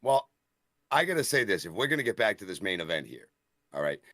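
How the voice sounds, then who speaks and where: A man's voice: lowish voice, very animated, fairly quick, a bit bright, no room sound, studio quality. Rambling man breaking down wrestling. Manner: long rambling analysis with many restarts. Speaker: wrestling show co-host and referee. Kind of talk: casual wrestling review chat.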